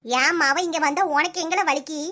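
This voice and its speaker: A woman voicing a sharp-tongued, bossy older mother-in-law in a comic cartoon, with a Kanyakumari Tamil accent and a nagging, rapid-fire way of scolding. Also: sits high. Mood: complaining.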